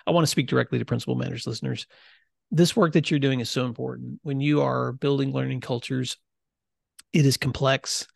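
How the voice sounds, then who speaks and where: A man's voice: mid-range voice, steady tone, fairly quick, vocal fry, no echo, clean studio sound. A man hosting a podcast who speaks earnestly and encouragingly to his listeners, with many fillers. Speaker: podcast host. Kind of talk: casual interview chat.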